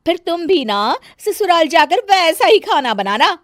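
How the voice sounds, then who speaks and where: A piercing, high-pitched young daughter-in-law who nags and picks faults with everyone, as a woman puts her on. Her voice leaps up and down with drawn-out, unhurried scolding, in a dry, close recording for a storybook video. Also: very animated, no room sound, heavily acted. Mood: boastful. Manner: fault-finding, scolding, shrill.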